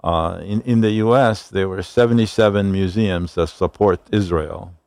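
A man's voice: sits low, steady tone, creaky, a little mellow, no room sound, studio quality. An older man from Palestine, a museum founder, speaking in a radio interview with frequent hesitant fillers. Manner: halting, many "uh" fillers.

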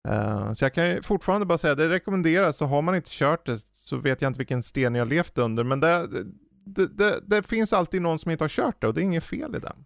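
A man co-hosting a podcast, chatting casually and telling lively anecdotes about playing games with his kids. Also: on the high side, vocal fry, dry recording, clean studio sound. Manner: lively storyteller, acts out anecdotes. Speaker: podcast co-host; parent. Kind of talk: casual chat.

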